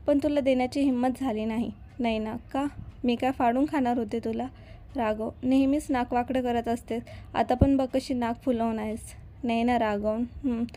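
A woman narrating a romantic story from a script, reading every character's lines in much the same way. Her voice sits a little high and sounds soft and mellow, with a faint hiss behind it.

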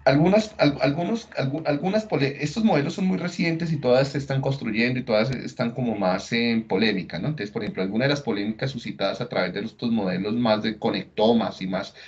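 A male neuroscience lecturer with a mid-range voice talks briskly and with few pauses through a recorded lecture explaining slides. His tone is conversational, and he often checks in with tag questions; the recording is dull and lo-fi.

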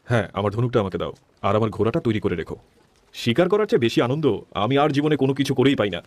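Dub casting: a man as a fearless, kindly hunter, quick delivery, mid pitch. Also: animated, dry recording, close to an everyday voice. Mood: reassuring. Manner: gentle, reassuring. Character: bold adult male hunter, warm older brother. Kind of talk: dubbed drama dialogue.

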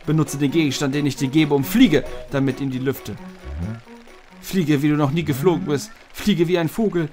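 A man's voice: a little high, steady tone, moderate pace, darkish tone, natural voice. A man voicing a wise ancient male tree spirit from a video game, reading the lines in a stately, solemn manner with game music behind him.

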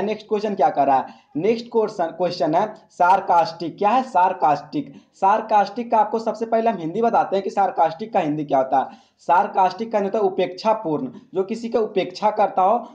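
Mellow-voiced man teaching grammar. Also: high voice, muffled recording. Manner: repeats questions to the class, then answers them; calls listeners "friends" often. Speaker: English teacher. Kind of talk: exam-prep grammar lesson.

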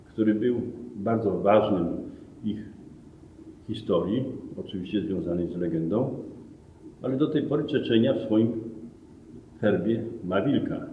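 A man's voice: on the low side, a little hiss or hum. A middle-aged man guiding a museum talk, explaining things step by step and correcting himself now and then. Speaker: museum guide. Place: museum hall among glass display cases. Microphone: camera a few meters away. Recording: roomy, distant, phone-like thin sound.

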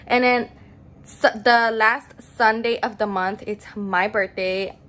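A bubbly vlogger in her early twenties chats casually to her phone camera held at arm's length, calling her viewers "y'all," first in her bedroom at home, then in her car and stores. Her mid-range voice is steady, a bit bright, and she takes things slowly.

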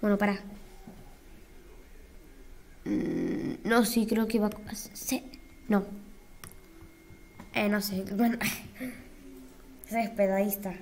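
A woman's voice: mid-range voice, fairly even intonation, takes it slowly, gravelly, pauses often, a little mellow, slight background noise. A young woman, chatting casually as she talks herself through editing block textures, with flustered exclamations. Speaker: YouTuber.

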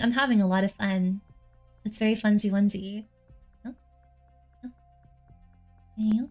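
A woman streamer chatting casually while she plays a game, playful, cutesy and quick to apologize. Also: mid-range voice. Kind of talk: casual gaming livestream chat.

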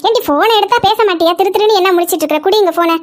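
A woman voicing a fierce, protective village mother-in-law who scolds fast in a cartoon. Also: extremely high pitch. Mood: scolding. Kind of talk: cartoon voice acting.

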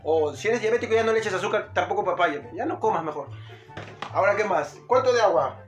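Peruvian guy goofing around like a cooking show host, pretty high voice, faint music behind. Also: animated, a little fast. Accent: Peruvian Spanish. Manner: playful, jokey, exaggerated. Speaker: comedic vlogger. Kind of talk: mock cooking-show commentary.

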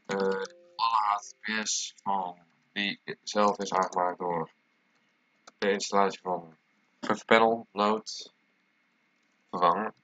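A man with a deep, bright, forceful voice speaks slowly and steadily, pausing often, while typing through a casual screencast tutorial. He sounds congested, his nose stuffed up from a cold. The recording comes from a dull lo-fi mic with clear background noise of keys typing and clicking.

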